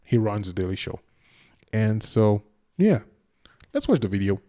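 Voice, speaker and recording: A man's voice: fairly low pitch, big pitch swings, a little slow, dark tone. A young man from Cameroon, hosting his YouTube channel with casual, self-deprecating reaction commentary. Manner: chatty, self-deprecating, talks to the viewer.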